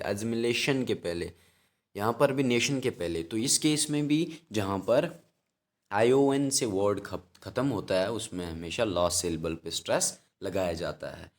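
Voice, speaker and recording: A man teaches a lesson. He reads each rule out slowly, then goes back over it step by step in plain words. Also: on the low side. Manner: explains step by step, reads English rules slowly then restates them. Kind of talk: explaining a lesson.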